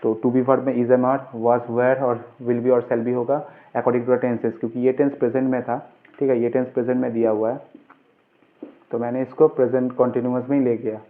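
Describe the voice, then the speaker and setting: At a moderate pace and with a level tone, a man with a mid-range voice gives informal grammar lessons, answering his own questions. The sound is muffled and phone-like, with a narrow band.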